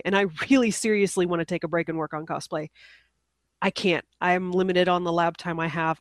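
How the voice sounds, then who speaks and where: An American woman with a lowish voice chats casually as a podcast co-host while stuffed up from a cold. She's apologetic and self-deprecating, laughing at herself often, and the sound is dry and close with no room echo.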